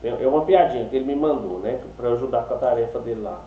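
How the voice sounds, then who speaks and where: A man's voice: medium pitch, animated, rapid-fire, slight background noise. A man with a Brazilian accent teaching an English class, explaining step by step and checking in with "né?" and "tá?" after almost every phrase. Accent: Brazilian Portuguese. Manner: chatty, explains step by step, adds "né?" and "tá?" often. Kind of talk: online class lecture. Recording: slightly dull, echoey room.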